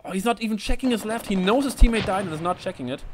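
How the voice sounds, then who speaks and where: A man casting a live online shooter match, talking quickly and jumping up in pitch and volume at big plays. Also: expressive, a little hiss or hum. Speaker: esports caster. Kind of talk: live play-by-play commentary.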